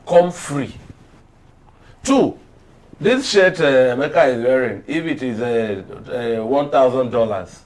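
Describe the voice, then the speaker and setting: On a political discussion panel, a Nigerian-accented man with a mid-range, slightly mellow voice makes his case through stories. He speaks emphatically, pausing and repeating phrases to hammer his points home in this storytelling commentary.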